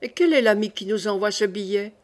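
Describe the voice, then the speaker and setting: A woman's voice: mid-range voice, a little fast, close to an everyday voice. A bold young nobleman, read by a woman. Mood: gallant. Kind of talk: audiobook reading.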